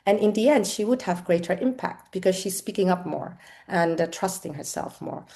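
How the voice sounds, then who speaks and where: A woman's voice: lowish voice, expressive, moderate pace, vocal fry, dark tone. A middle-aged woman from the Netherlands, an executive coach, answering interview questions in a thoughtful way with frequent fillers.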